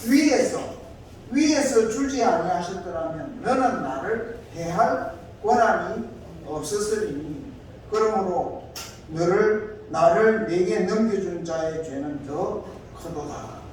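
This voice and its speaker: A calm, condemned prophet answers in solemn, archaic phrasing, as a preacher puts him on. The voice sits fairly high. It echoes heavily through a hall, caught from a distance with faint noise behind. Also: male voice, slow. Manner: solemn, archaic formal speech.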